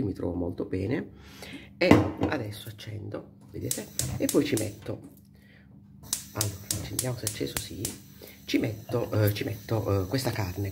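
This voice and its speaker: Hoarse, gravelly older woman vlogging. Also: rumbling low, noisy background. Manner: rambling, self-interrupting, frank. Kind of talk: casual chat. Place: home kitchen, cooking. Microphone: handheld phone.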